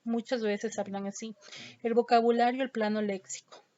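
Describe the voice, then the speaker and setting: A woman's voice: on the high side, steady tone, moderate pace, warm tone, dry recording. A woman teacher, explaining an online lesson step by step and reading out questions and answers. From Ecuador. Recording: dull lo-fi dry audio.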